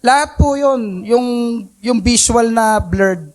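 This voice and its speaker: A man's voice: extremely high pitch, slow. A man preaching at a Sunday service, telling his own story of faith in an earnest, storytelling way and acting out his own prayers. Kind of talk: personal testimony sermon. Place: church worship service.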